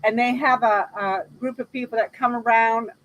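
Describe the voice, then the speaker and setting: A woman's voice: on the high side, steady tone, moderate pace, fairly bright tone, dull audio. A woman hosting a casual live chat about everyday practical matters, speaking conversationally.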